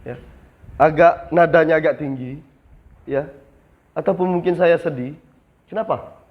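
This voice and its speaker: A man's voice: fairly high pitch, measured pace. A young man training new retail staff in a classroom, asking the class questions and answering them himself. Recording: slightly dull lo-fi sound.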